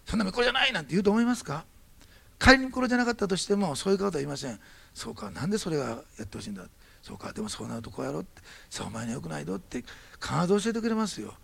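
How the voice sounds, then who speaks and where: A man preaching a sermon, his voice heavily gravelly and husky. He speaks fast, with wide swings of pitch as he acts out the people in his anecdote before turning to prayer. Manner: lively storytelling, acting out quoted dialogue. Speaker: pastor.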